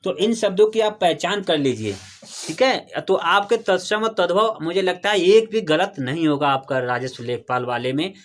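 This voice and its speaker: A male teacher with a notably high voice runs a classroom lesson. He keeps firing questions at the class and patiently repeats each key term until it sticks. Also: normal speed. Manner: quizzes the class with call-and-response questions. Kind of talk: classroom Hindi grammar lesson. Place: classroom with students.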